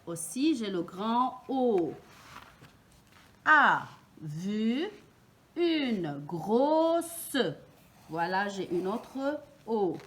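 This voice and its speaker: Femme enseignante, très lente et articulée. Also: female voice, medium pitch, sing-song, fairly bright tone. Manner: slow, clearly articulated, stressing each sound. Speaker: teacher. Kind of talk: early reading lesson for children.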